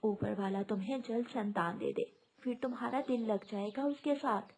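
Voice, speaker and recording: A woman's voice: on the high side, normal speed, darkish tone, natural voice. A woman voicing a kind female pigeon friend in a cartoon, speaking in a caring, soothing way.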